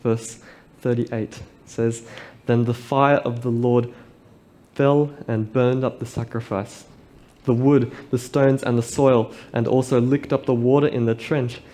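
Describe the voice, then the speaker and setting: A man preaching a sermon at a pulpit microphone, reading scripture aloud and reflecting on it in a measured, earnest way. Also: mid-range voice, flat delivery, mellow.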